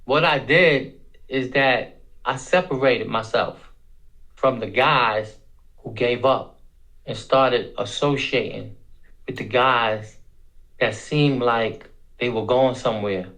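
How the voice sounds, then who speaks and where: A middle-aged man from Brooklyn telling his own story in a reflective, deliberate way, repeating words for emphasis. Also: medium pitch, bright, forceful tone, poor audio. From Brooklyn, New York.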